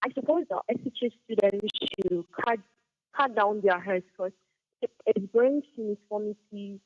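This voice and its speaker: A woman's voice: mid-range voice, moderate pace. A woman calling in to a radio morning show, speaking hesitantly with fillers, heard through a clipped telephone line. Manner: hesitant, with fillers like "you know". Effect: clipped, narrow phone-line sound. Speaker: radio call-in caller. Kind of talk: phoning in to a morning talk show.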